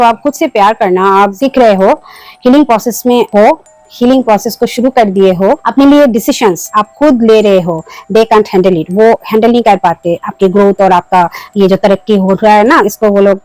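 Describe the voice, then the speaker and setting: A woman's voice: medium pitch, normal speed, a little mellow, no echo, soft background music, rough recording. A woman hosting an advice video in Hindi, mixing in English phrases and acting out short sample replies. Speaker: self-help video host. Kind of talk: advice talk to camera.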